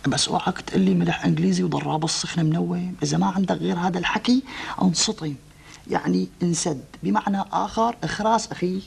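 An actor playing a young adult brother who bickers and schemes in a hushed, whispered way. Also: male voice, high voice, quick pace, gravelly, husky, exaggerated voice. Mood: hushed scheming. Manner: hushed, conspiratorial, often whispered. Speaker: comedy actor. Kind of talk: sitcom acting.

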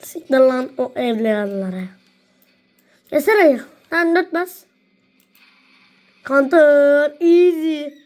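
A woman streaming an online game, taunting opponents and swearing loudly as she plays. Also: high-pitched, sing-song, a little slow. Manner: trash-talking, taunting, profane, shouts repeated jeers. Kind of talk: live gameplay chat.

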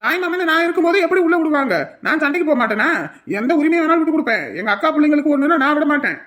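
A woman playing a dutiful village man, firm, reassuring and quick to anger. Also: high-pitched, animated, fairly bright tone. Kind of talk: village drama acting.

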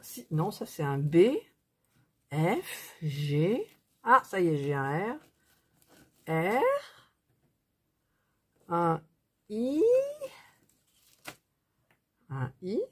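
A woman's voice: on the low side, big pitch swings, very slow, pauses often, darkish tone, husky. A woman chatting casually through a craft tutorial, thinking aloud as she works. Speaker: craft vlogger.

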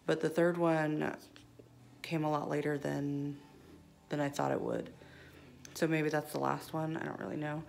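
A woman's voice: low-pitched, flat delivery, measured pace, gravelly, long pauses, darkish tone, slight background noise. A woman talking casually about her pet birds in a vlog, with frequent fillers. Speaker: pet vlogger.

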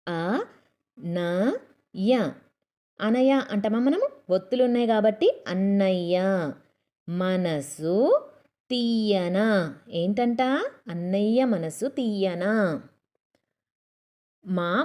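A woman with a Telugu accent and a medium-pitched voice teaches young children to read. She speaks very slowly and patiently, sounding out every syllable before she blends them into words. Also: warm tone. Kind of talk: slow syllable-by-syllable reading lesson for children.

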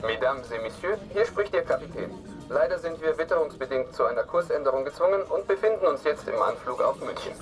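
An actor playing an airline captain who gives a formal in-flight announcement over the cabin loudspeaker in a measured, official tone. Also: male voice, a little high, expressive, over music. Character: calm male airline captain addressing passengers.

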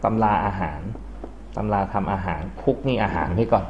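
A man's voice: fairly low pitch, normal speed, lo-fi sound, a little hiss or hum. Thai man teaching an English class. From Thailand. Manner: explains vocabulary, asks the class questions. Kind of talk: classroom lesson.

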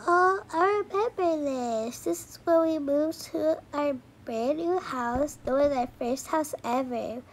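A woman voices a kindly, hesitant mother in her thirties for an amateur cartoon doll story, sounding hesitant and polite. Her voice is high-pitched and slow with few pauses, and the home recording is clearly noisy.

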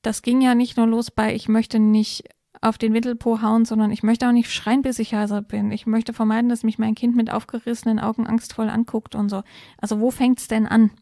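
A woman co-hosting a podcast, calmly explaining step-by-step advice in a casual conversation. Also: fairly high pitch, brisk, dry recording, studio quality. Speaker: podcast co-host explaining parenting topics.

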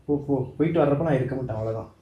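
A man's voice: medium pitch, very fast, roomy sound, highs cut off. A man acting out a couple's quarrel in a vlog skit, pleading and emotional.

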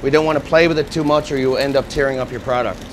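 A man with a mid-range voice speaks fast over background noise. He is an executive chef at a gas range in a restaurant kitchen, wearing a lapel mic and explaining a dish step by step in a steady, instructive cooking demonstration.

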